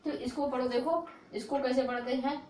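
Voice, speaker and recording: A woman's voice: high-pitched, steady tone, normal speed, a little mellow. A woman teaching at a board, repeating each word and asking the class what they will read. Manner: repetitive, drilling questions like "what will you read?". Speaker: English teacher. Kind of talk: board lesson for a video. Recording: echoey room with faint hiss.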